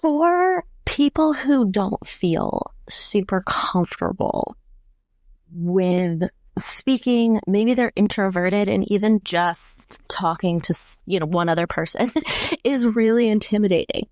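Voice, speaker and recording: A woman host puts a question to her guest in a measured, thoughtful way. She speaks slowly, and her voice sits dry and close to the mic. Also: mid-range voice, animated, a little mellow, no room sound. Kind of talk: interview question.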